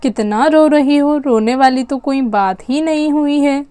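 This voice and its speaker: A woman's voice: high voice, measured pace, warm tone, no echo. A woman telling a doll story and voicing its characters, here coaxing in a soothing older-sister tone. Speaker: storyteller voicing all dolls.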